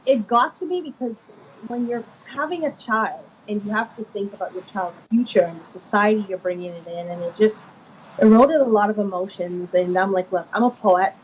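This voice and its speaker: A woman from Guyana, a children's author in her thirties, telling her stories in an animated conversational interview with many fillers. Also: mid-range voice. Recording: muffled lo-fi with faint noise.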